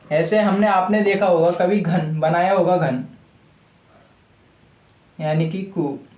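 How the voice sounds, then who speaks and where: A man's voice: high-pitched, fairly even intonation, takes it slowly, a little mellow, reverberant, highs cut off. A male teacher giving a classroom lecture who asks his own questions and answers them, repeating the key terms.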